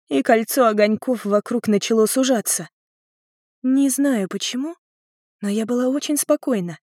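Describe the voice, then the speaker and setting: Woman audiobook narrator, calm and even, first-person story, dry close sound. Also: medium pitch, dry recording.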